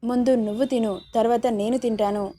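Brief: woman doing a steady, teasing young man, mellow tone, gentle coaxing. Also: on the high side, brisk, slight background noise, natural voice. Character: young man, calm, teasing, protective hero.

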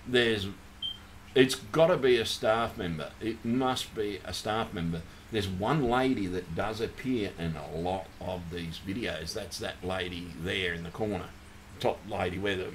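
A man's voice: low-pitched, measured pace, a bit bright, slight background noise. A man rambling through a casual livestream, repeating himself and apologizing as he talks over his screen. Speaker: channel host.

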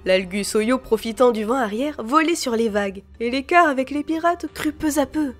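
A woman reading a fantasy novel aloud as an expressive storybook narrator. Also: high voice, moderate pace. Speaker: audiobook reader. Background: soft background music.

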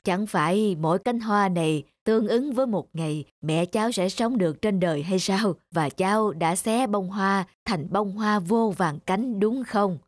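A woman playing a gentle old grandmother. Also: mid-range voice, normal speed, few pauses, no room sound, clean studio sound, close to an everyday voice. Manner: gentle, soothing, patient. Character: kind wise old village woman. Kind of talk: cartoon voice acting. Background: music.

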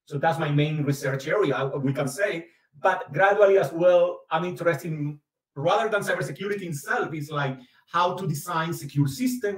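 A man's voice: on the high side, distant mic. Colombian man, roomy video call. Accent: Caribbean Colombian. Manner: hesitant, repeats "actually" often. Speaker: guest speaker, professor. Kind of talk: academic presentation. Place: home office, indoors.

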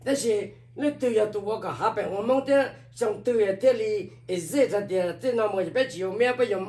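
A man's voice: high-pitched, drawn-out words, a little mellow. An older man from Laos, an elder storyteller, recalling the past at length with many repeated filler phrases. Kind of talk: oral history recollection. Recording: roomy echo, speaking away from the mic.

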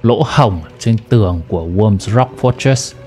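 A man's voice: fairly low pitch, moderate pace, mellow, faint music behind. A man with a Vietnamese accent, a gaming streamer giving casual playthrough commentary.

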